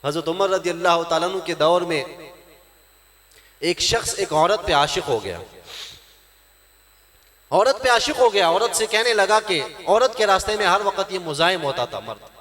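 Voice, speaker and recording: A man's voice: high-pitched, lively intonation, normal speed, pauses often, fairly bright tone, reverberant. A man preaching a sermon in a mosque, asking the crowd questions, answering them himself and repeating phrases.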